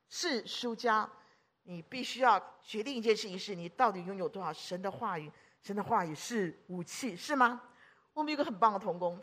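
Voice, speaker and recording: Emphatic, high-voiced woman preacher. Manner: emphatic, exclaiming, rhetorical questions to the congregation; swings between loud declarations and hushed asides. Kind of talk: lively sermon.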